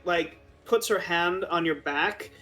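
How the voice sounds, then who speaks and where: Animated young man running a game. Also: high voice, slow pace. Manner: animated, casual, lots of "like". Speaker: game master. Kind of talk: narrating a tabletop game.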